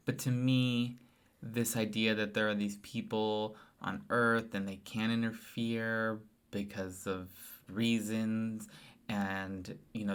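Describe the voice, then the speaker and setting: A man's voice: on the low side, a bit bright. A tired man talks loosely in casual chat. He rambles, restarts his sentences and trails off as he thinks aloud, like a podcast co-host late at night.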